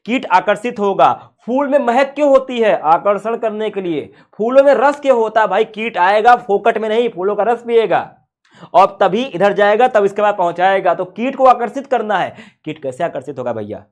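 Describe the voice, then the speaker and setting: A man's voice: high voice, expressive, normal speed. A man teaching a science class, playful and full of rhetorical questions to his students.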